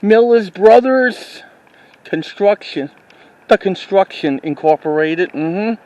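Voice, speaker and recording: A male vlogger from New York City with a high, expressive voice and a darkish tone narrates a casual walking tour outdoors on a town street. He rambles and halts, restarting often. It's recorded on a handheld camera while he walks, with no echo and dull audio.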